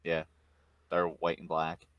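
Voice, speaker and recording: A man's voice: rumbling low, completely flat delivery, slow, no room sound, lo-fi sound. A young man in his late teens co-hosting a podcast, laid-back and sarcastic, laughing easily. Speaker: podcast co-host. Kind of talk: casual chat.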